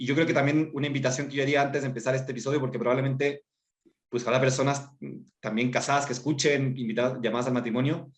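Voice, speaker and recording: Podcast guest, man, reflective and wordy, roomy echo, mid pitch. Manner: thoughtful, many filler tags and self-corrections. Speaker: guest speaker on vocations.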